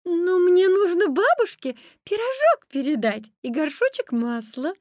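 A woman's voice: very animated, darkish tone, dry recording, studio quality, full character voice. A woman doing a sing-song polite little girl. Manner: slow, sing-song, very high. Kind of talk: storybook reading.

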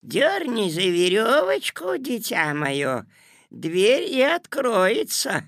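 Old fairy-tale granny, sweet and quavering, lively up-and-down voice, played by a man. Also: takes it slowly, dry recording, studio quality, exaggerated voice. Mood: kindly. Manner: high quavering falsetto. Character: sweet old grandmother, gentle. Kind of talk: storybook reading.

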